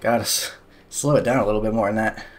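A man's voice: on the low side, steady tone, fast talker. Sarcastic young man commenting on a race. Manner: sarcastic, exasperated remarks. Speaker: sim racing YouTuber. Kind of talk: casual race replay commentary.

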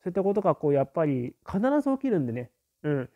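A man's voice: a little high, sing-song, rapid-fire, highs cut off. A man in a casual live stream, reading viewer comments aloud and musing on them, with many fillers and murmured acknowledgements.

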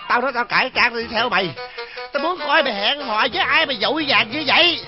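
A blustering old father in a stage comedy. He bickers and exclaims in a raised, high voice. The stage recording sounds lo-fi, with loud music underneath. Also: a little fast. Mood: grumbling. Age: older.

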